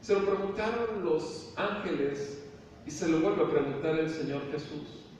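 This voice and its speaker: High-voiced Mexican pastor preaching. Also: male voice. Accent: Mexican Spanish. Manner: preaching with rhetorical questions, soft and slow at times. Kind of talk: sermon. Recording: echoey hall from far off, faint room noise.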